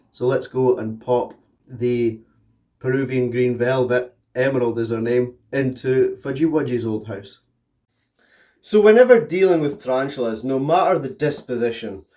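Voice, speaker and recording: A man's voice: medium pitch, darkish tone. A man with a thick, congested voice from swollen tonsils and hay fever, chatting casually to viewers as a vlog host. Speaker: tarantula keeper and video host.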